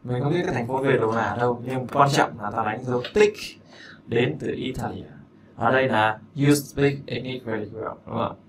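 A male teacher running an English lesson, repeating phrases slowly and glossing them, with chatty, joking asides. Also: mid-range voice, fairly even intonation, a crowd in the background. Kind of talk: language lesson explaining a listening exercise.

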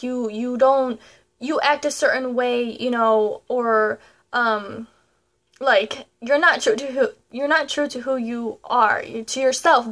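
A woman's voice: a little high, a bit bright. A young woman vlogger giving life advice to her viewers in a chatty, repetitive way, often adding "you know" and "okay". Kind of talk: casual advice vlog.

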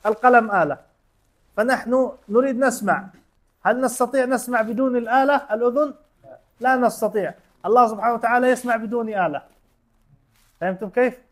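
A man's voice: extremely high pitch, a little fast, long pauses. A man teaching a religion class, explaining step by step with everyday examples and quizzing his students with short questions. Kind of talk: classroom lesson.

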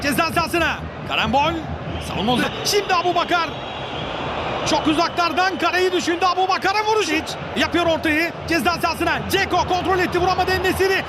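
A man commentating on a football match in excited, clipped play-by-play, shouting and screaming at the big moments. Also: extremely high pitch, quick pace. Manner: shouts and screams at goals and chances; short clipped phrases naming players. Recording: loud music and crowd noise behind.

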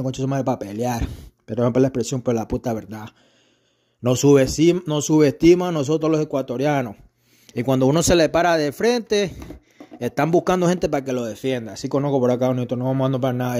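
Ecuadorian-accented man, heated profane football rant, mellow darker tone. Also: mid-range voice. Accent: Ecuadorian Spanish. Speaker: football fan commentator. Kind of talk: angry rant.

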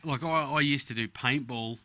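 Bright-voiced Australasian man, blokey podcast host. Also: mid-range voice, moderate pace, no echo. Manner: blokey, heavy swearing. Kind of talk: casual podcast chat. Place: indoors, on a video call.

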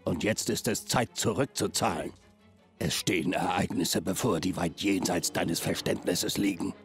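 A man's voice: deep voice, normal speed, soft background music. An actor playing a bitter, domineering old man in a video game, with a stern and contemptuous manner. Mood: ominous. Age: older. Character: cold, bitter, domineering old patriarch with underworld past. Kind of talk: dramatic video game acting, German dub.

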